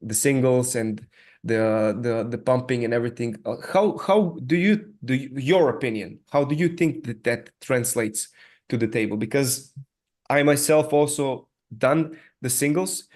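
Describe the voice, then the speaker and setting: A man from Serbia with a Serbian accent, hosting a casual podcast interview in halting speech full of restarts. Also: medium pitch, a little mellow. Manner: halting, many restarts and fillers. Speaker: podcast host.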